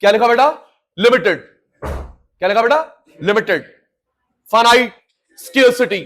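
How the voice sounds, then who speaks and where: Man, middle-aged teacher, high pitch, energetic call-and-response lecturing in Hindi-English mix. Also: moderate pace. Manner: energetic, drills students with call-and-response repetition; mixes Hindi and English terms. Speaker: economics teacher. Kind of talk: live class lecture.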